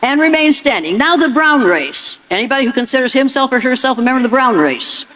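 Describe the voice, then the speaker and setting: A woman's voice: high-pitched, lively intonation, quick pace, fairly bright tone. An older American woman delivers a lecture to an audience in a blunt, emphatic way. She gives orders like a seasoned educator and expects to be followed. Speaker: educator and public speaker.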